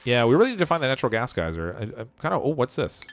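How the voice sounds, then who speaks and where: Talking in a rapid-fire, sing-song way at medium pitch, this man streams a game and muses aloud in a casual ramble. He laughs frequently, though his voice is noticeably giving out.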